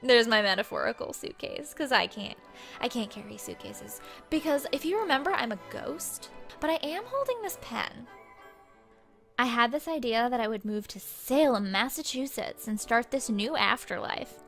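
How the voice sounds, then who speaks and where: A woman's voice: fairly high pitch, expressive, normal speed, gravelly, fairly bright tone, faint music behind. A young woman playing a bubbly, slangy female ghost who vlogs her afterlife in a breezy, flippant valley-girl manner for a comedy web series. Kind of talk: comic vlog monologue.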